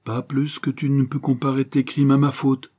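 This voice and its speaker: A man's voice: mid-range voice, monotone, moderate pace, dark tone, voice pushed up, close to an everyday voice. A man reading as a desperate broken banker. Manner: pleading, anguished. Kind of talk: audiobook reading.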